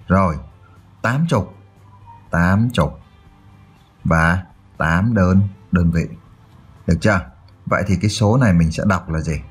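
A man's voice: deep voice, breathy edge. A man tutoring children through a math exercise, explaining step by step and often checking that they follow. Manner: checks in often with "được chưa?".

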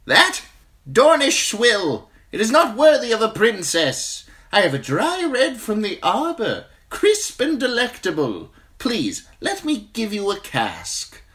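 A man voicing a small, flamboyant male wine merchant who hawks his wares in a high, drawn-out, theatrical cry. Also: huge pitch swings, bright, forceful tone, full character voice. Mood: fawning.

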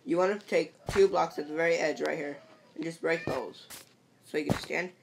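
A woman with a low, gravelly voice talks slowly through a game tutorial. She gives patient step-by-step instructions and often checks in with the listener. There is clear background noise with clicks behind her. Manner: patient instructions, repeats "perfect" and "see?". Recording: noisy home recording with clicks.

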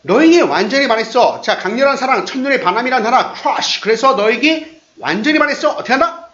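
A Korean man with a high, lively voice runs an upbeat English lesson and drills each phrase slowly again and again. His voice rings in a roomy space. The sound is a little dull. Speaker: English teacher.

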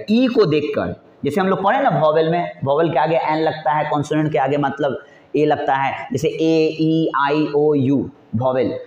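Guy teaching grammar for exams, keeps repeating stuff, echoey dull recording. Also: a little high. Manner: repetitive, coaxing, asks and answers own questions. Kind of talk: exam-prep English grammar lesson. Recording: echoey, dull lo-fi room sound.

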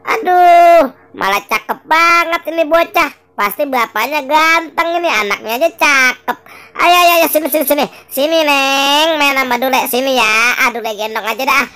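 A performer voicing Dule, a male ondel-ondel puppet from a Jakarta puppet show, fussing anxiously over a crying baby and hushing it in a sing-song voice, with a Betawi Jakarta accent. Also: high voice, normal speed. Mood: fretful. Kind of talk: puppet show play-acting. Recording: music playing behind.

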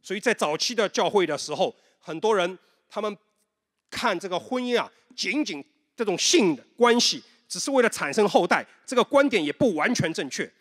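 Male pastor, high voice, conversational storytelling sermon with rhetorical questions, echoing church hall. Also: lively intonation, normal speed, fairly bright tone. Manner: mixes in English terms. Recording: long hall reverb.

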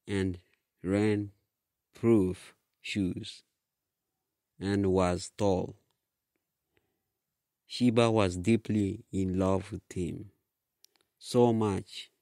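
A man reading his own story aloud in a slow, halting way with restarts. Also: on the low side, fairly even intonation, mellow, dry recording, studio quality. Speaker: author reading his book. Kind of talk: storybook narration.

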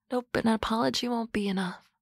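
On a close mic, a woman plays a sardonic, teasing office-lady boss in an ASMR roleplay, trading dry banter and soft, whispery asides. Her voice is fairly high and gravelly, with no echo.

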